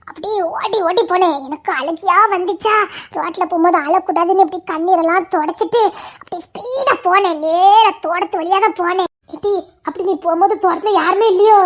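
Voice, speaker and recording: A shrill, very high young wife, played by a woman, childlike and petulant. She sulks and refuses in playful bursts, her voice piercing and bright. The style is that of a Tamil audio drama.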